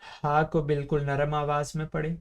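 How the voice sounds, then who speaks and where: A man teaching beginners to read the Arabic letters of the Quran in a recorded lesson, stretching each letter name long and then explaining quickly. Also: a little high, monotone. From Pakistan.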